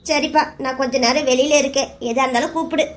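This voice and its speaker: A woman's voice: high voice, steady tone, fast, lightly acted. A woman voicing a worried middle-aged mother in a cartoon serial, speaking in a soothing, tearful way. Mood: tender.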